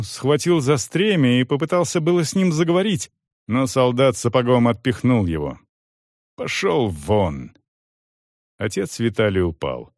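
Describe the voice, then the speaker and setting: A man reading a dark historical novel aloud as a dramatic audiobook narrator. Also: mid-range voice, dry recording, studio quality. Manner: slow, expressive storytelling.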